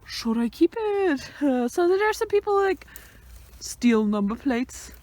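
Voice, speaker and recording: Walking a country road next to a fenced field, a young woman rambles through a hiking vlog, chatty, slightly winded, talking to herself and cursing mildly. Her high voice is very animated but a little slow, with a darkish tone on a dry recording, and cars go by in the background.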